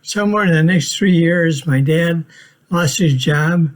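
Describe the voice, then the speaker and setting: Man, 80s, from Minnesota; slow, matter-of-fact home-video narration, dry humor. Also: on the high side. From Minnesota, USA.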